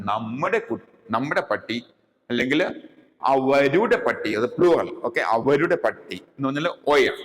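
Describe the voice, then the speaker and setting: A man's voice: medium pitch, long reverb tail. A man with a Malayali accent, teaching a grammar lesson in a classroom style, who mixes languages and keeps checking understanding with frequent "okay"s.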